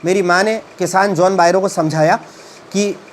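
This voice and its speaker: A man teaching a story: he reads English lines slowly, then retells and explains them at a halting pace with many fillers. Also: sits high, fairly even intonation, a little hiss or hum.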